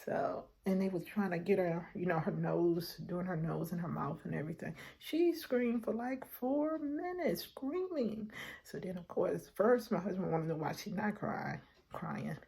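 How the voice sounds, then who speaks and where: Mellow husky woman storyteller. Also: fairly low pitch, moderate pace. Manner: animated, acts out voices in her story, addresses viewers as y'all. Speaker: vlogger. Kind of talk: personal storytelling to camera.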